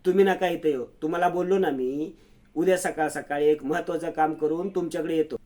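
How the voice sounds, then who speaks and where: A man's voice: on the high side, fairly even intonation, brisk, darkish tone, close to an everyday voice. A rustic young man with a teasing, stubborn streak and plain village speech, voiced by a man. His tone is lightly raised.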